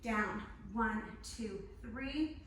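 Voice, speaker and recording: A woman's voice: fairly high pitch, extremely slow, a bit bright. A woman leading a workout class as an aerobics instructor, counting and cueing moves in short encouraging commands as she exercises along. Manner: physically exerting while talking. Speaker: fitness instructor. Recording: very echoey room, distant mic, faint noise.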